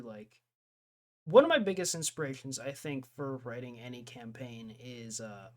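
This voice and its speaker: A young streamer in casual chat with live viewers, rambling, laughing often and jumping from topic to topic. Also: mid-range voice.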